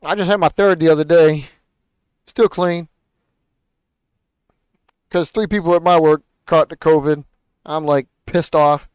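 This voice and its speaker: A man's voice: on the high side, unhurried, pauses often, a little mellow, clean tone, no room sound. A man hosting a paper airplane show, talking in a rambling, profane, exasperated rant. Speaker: podcast host building paper planes. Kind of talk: casual ranting chat.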